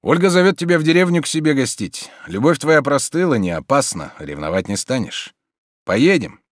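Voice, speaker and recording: A steady, practical gentleman, as a male reader plays him who reassures his friend in an even, grounded voice. The delivery is dry and close, with lively inflection. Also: medium pitch, moderate pace, no room sound, voice pushed up, close to an everyday voice. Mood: affectionate.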